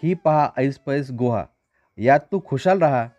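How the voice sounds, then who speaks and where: A man voicing a gentle, welcoming mountain who speaks like a kindly elder in a storybook tale. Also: medium pitch, animated, measured pace, no echo, natural voice. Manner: warm, welcoming. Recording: dry, slightly dull recording.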